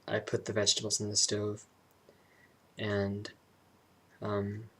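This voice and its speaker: Young guy vlogging, creaky flat voice, kinda hesitant, thinking out loud. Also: on the low side. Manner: hesitant, halting, introspective. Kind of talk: casual personal vlog monologue.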